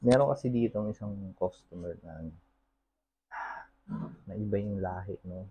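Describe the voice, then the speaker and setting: With a lowish, dark voice at normal speed, this vlogger from the Philippines talks casually about life running his computer shop. He's relaxed, laughs a lot, and seems slightly winded, with a little noise in the background.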